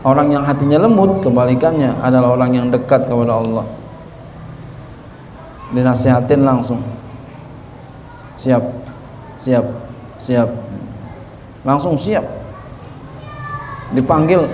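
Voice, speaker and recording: A man's voice: mid-range voice, darkish tone. A man preaching a sermon on a religious text in a conversational way, addressing the congregation with teasing asides. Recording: long hall reverb, faint ambient noise.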